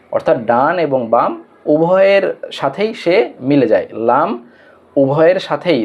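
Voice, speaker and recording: A man's voice: a little high, highs cut off. A man teaching Arabic letters in a Quran lesson with a Bangladeshi Bengali accent, explaining patiently step by step and stretching out each letter name for students to repeat.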